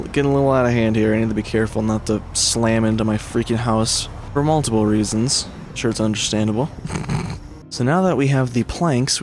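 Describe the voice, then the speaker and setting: A man giving casual let's-play commentary as a gaming creator, rambling and correcting himself, swearing when things go wrong. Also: medium pitch. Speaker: gaming YouTuber.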